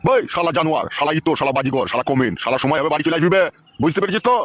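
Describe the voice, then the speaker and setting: A man's voice: fairly high pitch, lively intonation, dry recording. A man playing a foul-mouthed, angry middle-aged father in a comic skit, cursing nonstop. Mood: furious. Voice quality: shouting, rapid-fire cursing.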